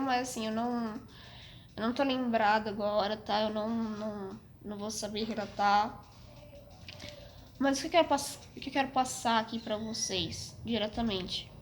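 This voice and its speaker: A woman's voice: a little high, a little hiss or hum. A young woman with a Brazilian Portuguese accent talking frankly to camera, hesitant and full of restarts, with a slight cough. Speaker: vlogger. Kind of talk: casual personal storytelling to camera.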